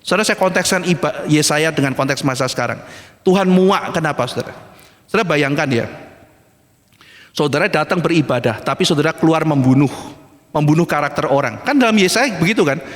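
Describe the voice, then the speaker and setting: Pendeta pria bersuara tinggi, gema gereja. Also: male voice, on the high side, animated, brisk, fairly bright tone. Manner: emphatic preaching, voices quoted people, often says "saudara". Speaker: pastor. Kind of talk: sermon. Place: large church hall. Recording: hall reverb of a church service recording.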